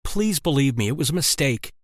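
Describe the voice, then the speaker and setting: A man voicing a defiant young woman, a wife secretly working as a spy, in an animated story. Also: medium pitch, a little fast, dry recording, studio quality, lightly acted. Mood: urgent. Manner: pleading then defiant.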